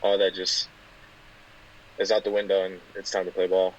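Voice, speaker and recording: Low, flat-voiced young man, laid-back. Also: moderate pace, a little hiss or hum, rough recording. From California. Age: 20s. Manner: soft-spoken, many fillers and restarts. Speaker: guest football player. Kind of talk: casual interview.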